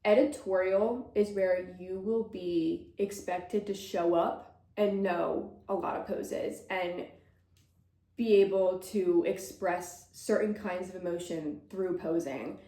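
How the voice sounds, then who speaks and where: A woman's voice: fairly low pitch, steady tone, slow, warm tone. A young woman in her twenties, a model answering viewer questions in a bubbly, chatty way, laughing often and a little out of breath. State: slightly out of breath. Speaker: model and vlogger. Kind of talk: casual Q&A chat to camera. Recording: roomy echo.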